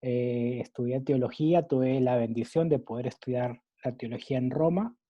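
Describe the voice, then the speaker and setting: This mid-range, warm voice belongs to a man from Peru giving a catechesis lecture at a moderate pace. He speaks with a mixed Latin American Spanish accent rooted in Peruvian speech, explaining earnestly and frequently starting over with fillers, captured on a dull lo-fi recording.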